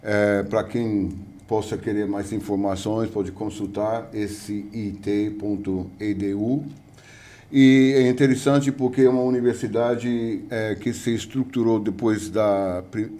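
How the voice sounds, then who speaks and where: A man's voice: on the low side, steady tone, slow, dark tone. An older man from the United States with an American English accent, a guest professor speaking hesitantly with many fillers in an interview. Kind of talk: interview conversation.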